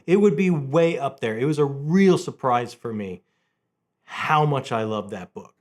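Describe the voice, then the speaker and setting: On his book review channel, a middle-aged man talks casually and with enthusiasm, repeating phrases for emphasis. His medium-pitched voice has lively intonation and a darkish tone, and he goes a little slowly.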